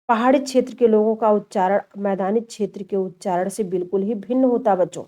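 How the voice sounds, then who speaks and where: A woman teacher giving an exam-prep lecture. She explains each point in turn, calls her students children, and slows down to show how words are said. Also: mid-range voice, warm tone. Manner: slows down and stretches words when showing pronunciation.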